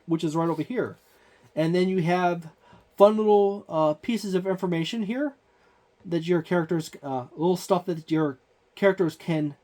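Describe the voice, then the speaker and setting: In a medium-pitched, dark-toned voice, a tabletop gaming host wanders casually through a book one page at a time. The talk is loose and full of fillers, with details on each page pointed out along the way.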